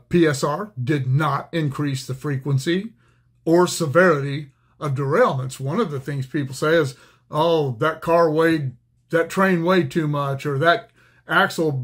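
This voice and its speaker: A man's voice: a little high, a bit bright, breathy edge. An older man, a retired railroad worker, talking casually to his channel viewers in a plainspoken way with lots of fillers and restarts. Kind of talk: casual explainer monologue.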